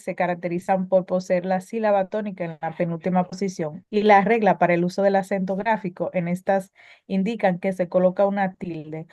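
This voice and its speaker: A woman's voice: mid-range voice, darkish tone, no echo, studio quality. A woman teaching a spelling lesson, reading prepared explanations with occasional filler sounds and self-corrections.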